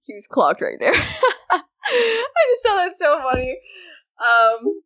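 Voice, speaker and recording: Woman podcast co-host, bright and forceful, casual gushing fan talk. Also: sits high, very animated, slow pace. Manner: gushing, filler-heavy.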